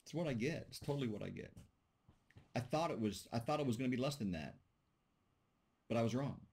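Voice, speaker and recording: A man's voice: medium pitch, expressive, fairly quick, vocal fry, a little mellow, breathy edge. A man teaching a class over a video call, talking casually and joking with students as he thinks aloud. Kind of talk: online class discussion. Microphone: computer mic on a video call.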